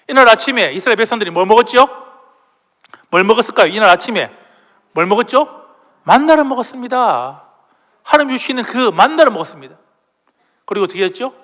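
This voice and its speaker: In a church sanctuary with long hall reverb, a male pastor preaches a sermon in a high, slightly bright voice. He asks the congregation questions and leads them in reading aloud.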